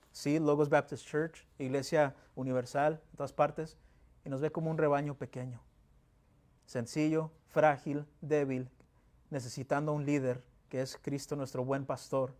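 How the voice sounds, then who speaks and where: A pastor preaching a sermon in a church, asking rhetorical questions and reading scripture with emphasis. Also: male voice, a little high, a little mellow. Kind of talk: Spanish-language sermon. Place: church sanctuary.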